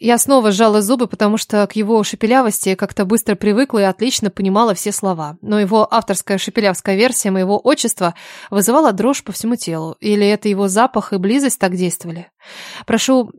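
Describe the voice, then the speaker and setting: A woman's voice: mid-range voice, dry recording, clean studio sound. A woman narrating a first-person audiobook and speaking the heroine's lines with expression. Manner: expressive, indignant in dialogue.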